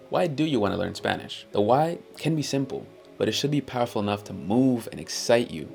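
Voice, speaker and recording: Narrating his own story from a script, a young language-learning YouTuber from Haiti sounds earnest and upbeat. Haitian Creole is his first language, and his lowish voice has a darkish tone with vocal fry.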